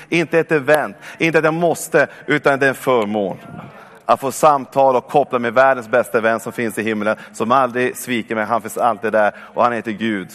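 A man in his forties delivers a sermon in a church hall. His voice carries a long reverb, and he keeps urging his listeners on with calls of "come on". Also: medium pitch. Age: 40s. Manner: warm, exhortative, with repeated calls of "come on". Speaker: preacher.

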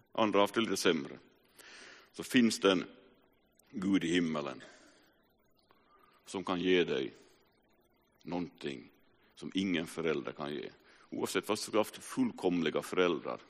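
A man in his forties preaching a personal testimony sermon, telling his story earnestly with sudden rises and hushed drops. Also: low voice. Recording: reverberant hall.

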